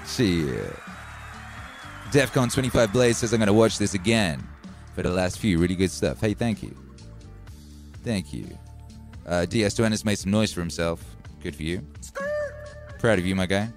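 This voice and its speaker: Excitable Welsh-Brummie man, faint music. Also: deep voice, normal speed, long pauses. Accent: Welsh and Birmingham. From Wales. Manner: excitable, swearing, thanking viewers by name. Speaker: music producer hosting a live stream. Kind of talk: casual live-stream chat.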